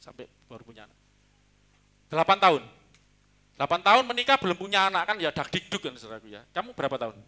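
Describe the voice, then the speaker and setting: A man preaching a sermon as pastor, talking in a lively, joking way. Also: high-pitched, fast talker, pauses often. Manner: lively, joking, mixes in Javanese.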